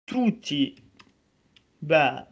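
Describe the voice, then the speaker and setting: A man teaching a group language class over a video call, explaining slowly with many pauses and fillers. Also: a little high, sing-song. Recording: slightly muffled video call audio.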